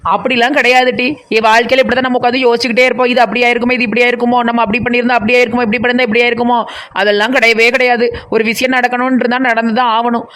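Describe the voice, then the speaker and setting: A woman playing a fast-talking nosy village aunty. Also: fairly high pitch, flat delivery, fairly bright tone, lightly acted. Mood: bossy. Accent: southern Tamil Nadu (Kanyakumari–Tirunelveli). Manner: rambling, teasing, talks nonstop. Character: chatty nosy village woman, blunt and comic. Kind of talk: cartoon comedy voice acting.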